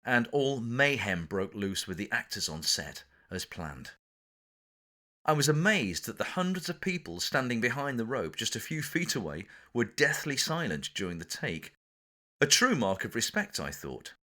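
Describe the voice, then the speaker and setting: In a mid-range, sing-song voice that is bright and forceful, a man speaks unhurriedly with an English accent. He's reading his own memoir aloud for an audiobook, telling a scripted anecdote with theatrical drama.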